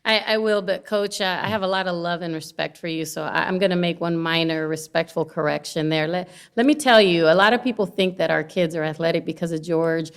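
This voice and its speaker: Middle-aged woman from Honduras, guest, lively storyteller who laughs a lot. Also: fairly low pitch, fairly quick, few pauses, clear, resonant tone. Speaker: guest, longshore worker and former teacher. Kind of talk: casual interview conversation.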